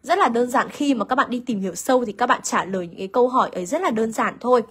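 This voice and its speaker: A woman's voice: on the high side, fast, fairly bright tone, breathy edge. A woman teaching an online literature lesson, asking her students questions, answering them herself and repeating key points. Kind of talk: online lesson explaining a poem.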